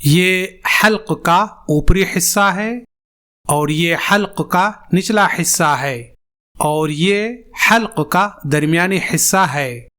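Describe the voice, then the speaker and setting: Bright-voiced, deliberate Quran pronunciation teacher. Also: mid-range voice. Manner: slow, deliberate, spells letters out and models sounds for the learner to repeat. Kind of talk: tajweed lesson with repetition drills.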